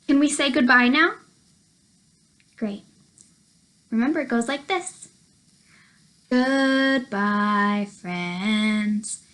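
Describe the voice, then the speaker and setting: Her voice on the high side, a young adult woman presents a kids' storytime, reading a picture book in a slow, sing-song style. She is very animated and slips in playful whispers.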